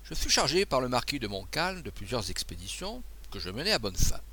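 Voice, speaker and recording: A man's voice: medium pitch, very animated, a little fast, pushed and bright, a little hiss or hum. A man reading aloud voices a confident, teasing naval officer. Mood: assured. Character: self-assured male naval officer, brisk and teasing.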